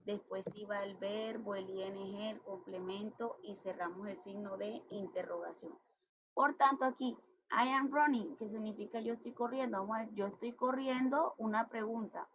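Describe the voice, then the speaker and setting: A woman teacher walks through a grammar lesson step by step, patient and methodical. She reads each English example out slowly and carefully. The recording is dull and lo-fi, with a faint hiss behind her. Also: medium pitch, steady tone. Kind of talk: classroom lesson explaining grammar. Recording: dull lo-fi sound with faint noise.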